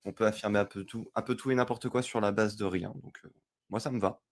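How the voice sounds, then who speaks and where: A man on a debate panel, relaxed and dryly humorous. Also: fairly low pitch, fast, no echo.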